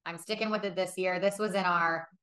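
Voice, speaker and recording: A woman's voice: lowish voice, fairly even intonation, fairly quick, fairly bright tone. A woman co-hosting a sports betting podcast, chatting casually, emphatic and often laughing as she talks. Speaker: podcast co-host.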